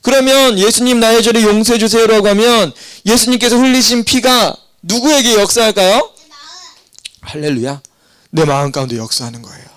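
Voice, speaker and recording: A middle-aged male pastor preaching a lively sermon to children, asking the congregation questions and having them repeat after him. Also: sits high. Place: church hall.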